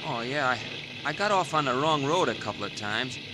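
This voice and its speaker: A man's voice: mid-range voice, animated, brisk, heavy background noise, lightly acted. A man playing a polite, unassuming young American settler, mild and hesitant, in an old-time Western drama. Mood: grateful, mild.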